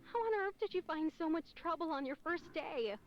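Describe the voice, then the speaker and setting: A sly, teasing radio boss. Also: female voice, extremely high pitch, lively intonation, moderate pace, dull audio, soft background music.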